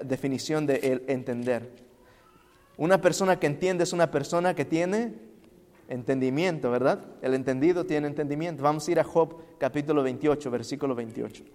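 A man preaching a sermon, asking the congregation questions and swinging between quiet passages and loud, impassioned ones. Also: on the high side, moderate pace. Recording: long hall reverb.

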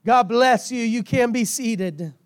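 A man preaching and praying to a congregation in a hoarse, failing voice, with drawn-out, emphatic phrasing and repetition. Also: very high voice, no echo. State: hoarse, losing his voice while recovering from illness. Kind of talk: sermon and prayer to a congregation. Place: speaking to a congregation through a sound system with monitor.

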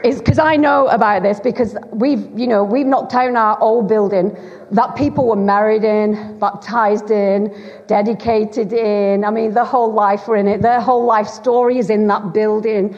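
A middle-aged woman from Bolton, England, speaks in a Lancashire accent with a darkish, mid-range voice, fairly even intonation and normal speed. As a guest preacher in a church hall, she gives a chatty, teasing, self-deprecating sermon to the congregation. The recording sounds dull and carries a long hall reverb.

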